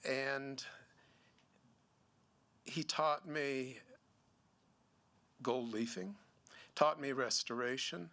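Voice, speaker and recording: Bright-voiced man with halting speech. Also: medium pitch. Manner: halting, many restarts and fillers. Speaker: gallery owner. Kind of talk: seminar talk. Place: museum seminar room.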